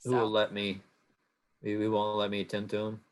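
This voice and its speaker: Laid-back low-voiced man playing a tabletop game. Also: completely flat delivery, quick pace. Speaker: player. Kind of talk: casual tabletop game chat.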